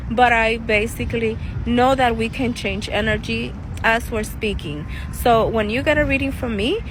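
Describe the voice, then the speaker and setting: Earnest chatty woman, outdoor street noise. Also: a little high. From El Salvador. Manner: chatty and earnest, with frequent laughs and restarts. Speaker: tarot reader and life coach. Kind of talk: casual talking-to-camera vlog. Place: outdoors in a city park. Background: passing cars and city noise.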